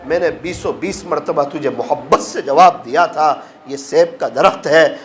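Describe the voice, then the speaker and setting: Male preacher, storytelling sermon, emotional delivery, slightly high voice, faint background noise. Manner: emotional, acts out quoted voices with rising pitch.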